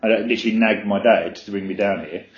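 A man's voice: on the low side, steady tone, quick pace. A jovial man from Wales hosting a casual chat. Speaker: host. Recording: echoey room, dull lo-fi sound.

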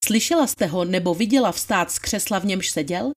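Reading the role of a methodical male attorney, a woman questions a witness in a formal, probing manner in this dramatized trial testimony. Her voice is mid-range and expressive.

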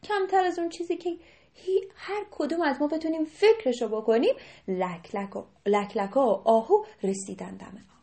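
A woman telling a story to children, her voice high yet soft and mellow. She is animated and often turns to talk to her young listeners directly.

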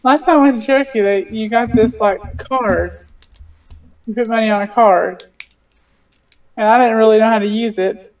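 A woman's voice: fairly high pitch, normal speed, long pauses, darkish tone. Chill woman cohost, short answers, kinda far from the mic and dull sounding. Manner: short, laid-back replies. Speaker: podcast co-host. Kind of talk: casual podcast chat.

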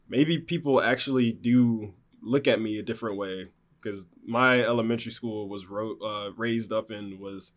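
Rambling man telling a story casually. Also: medium pitch. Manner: rambling, with many fillers and restarts. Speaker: guest telling a personal story.

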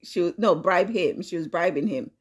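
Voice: medium pitch, moderate pace. A podcast co-host who asks playful questions in a casual chat. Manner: inquisitive, playful interjections.

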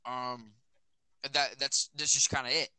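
Bright-voiced teen guy rambling. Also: medium pitch, steady tone, unhurried, clear, resonant tone, no room sound, rough recording. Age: teens. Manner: rambling, many fillers. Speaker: podcast host. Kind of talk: casual chat. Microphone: phone.

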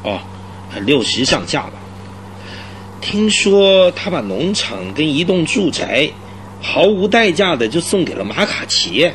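An actor playing a talkative, obliging police inspector in a radio drama, explaining things in an emphatic conversational way. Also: male voice, a little high, big pitch swings, unhurried, a bit bright. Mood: informative, obliging. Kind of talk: Mandarin radio drama acting. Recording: clear vehicle noise behind voice. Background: car engine hum.

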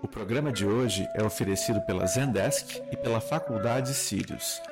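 A man hosting a podcast in an upbeat, energetic way and reading the sponsor messages. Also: on the low side, normal speed. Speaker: podcast host. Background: music.

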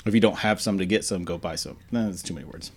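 A man's voice: deep voice, quick pace, husky. A man co-hosting a casual podcast, joking and swearing as he tastes snacks. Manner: loud swings, joking, swearing, laughing. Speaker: podcast co-host. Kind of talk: casual chat while eating snacks.

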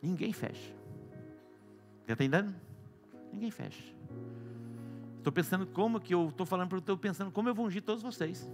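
A Brazilian man preaching a sermon, swinging between loud exclamations and soft hushed lines. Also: high-pitched, lively intonation, very fast, few pauses, faint music behind. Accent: Brazilian Portuguese. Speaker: apostle preaching.

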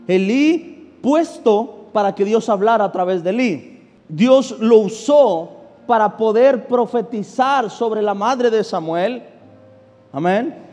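A man's voice: high voice, expressive, slow pace, darkish tone. A male pastor preaching a sermon, reading scripture verse by verse and asking the congregation questions that he answers himself. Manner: calls for congregational response. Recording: long reverb with faint music behind.

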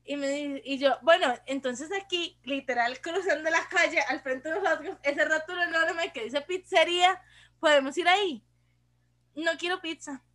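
Bright high-voiced Costa Rican woman. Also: normal speed. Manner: animated, acts out dialogue, says mae constantly. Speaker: podcast co-host. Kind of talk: casual storytelling chat.

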